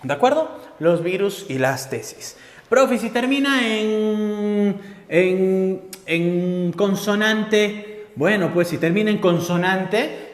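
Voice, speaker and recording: A man teaches a grammar lesson at an unhurried pace and keeps checking that his listeners follow. His fairly high voice moves up and down a great deal. The room adds a long, echoing reverb. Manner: explains patiently, checks in with "¿de acuerdo?". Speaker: language teacher.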